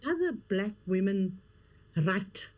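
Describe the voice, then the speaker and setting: A middle-aged woman, a coach and author, appears as a guest in an interview conversation. She speaks earnestly and emphatically, often repeating her key phrases. Her mid-range voice is sing-song and a little mellow, at a slow pace.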